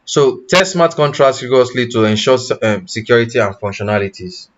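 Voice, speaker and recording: A man teaching blockchain development in a live online class, pausing often and correcting himself, and checking in with "you understand?". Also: medium pitch, animated, muffled recording. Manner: halting, self-correcting, asks "you understand?". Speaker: tech instructor.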